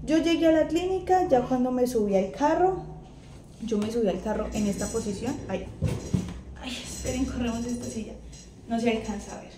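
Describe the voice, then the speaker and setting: A woman's voice: fairly high pitch, normal speed, noisy background. A young woman with a Colombian accent, chatting casually as she tells a personal story and acts out what others said. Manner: chatty, animated retelling with acted-out quotes. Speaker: vlogger. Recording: echoey room, faint ambience.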